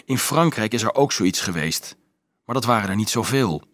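A man reading an audiobook, voicing a quiet young male student who speaks calmly and sorrowfully. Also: lowish voice, normal speed, no echo, studio quality. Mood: grave. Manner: calm, sparing, subdued speech.

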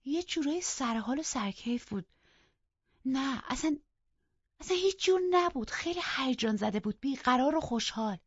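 A reader voicing Catherine, an excitable young woman, in an audiobook, speaking breathlessly as the excitement builds. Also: medium pitch, husky, no room sound, pitched above the performer's own voice, natural voice. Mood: excited. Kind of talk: audiobook character reading. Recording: dull lo-fi audiobook recording.

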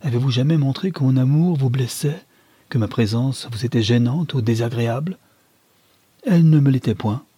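A man's voice: medium pitch, moderate pace, warm tone, husky, dry recording, natural voice. A man voicing a passionate young man in love who pleads ardently with the woman he adores, in a novel read aloud. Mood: wounded.

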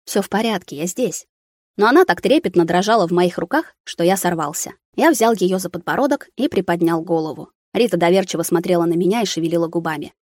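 A woman reads a novel in first person, measured and steady. Her voice sits on the low side and the recording is close and dry. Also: no room sound. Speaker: audiobook reader. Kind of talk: scripted first-person narration.

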